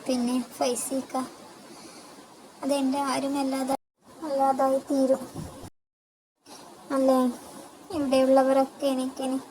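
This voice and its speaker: A woman voicing a tearful young wife who pleads in a soft, grief-stricken way. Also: high-pitched, completely flat delivery, slow pace, long pauses, a little hiss or hum, pitched above the performer's own voice, low-quality recording. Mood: grieving.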